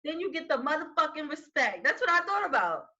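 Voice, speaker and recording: Bright, slangy woman host, lo-fi audio. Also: sits high, very animated, brisk. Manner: loose, slangy, joking asides. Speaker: podcast host. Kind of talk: casual chat.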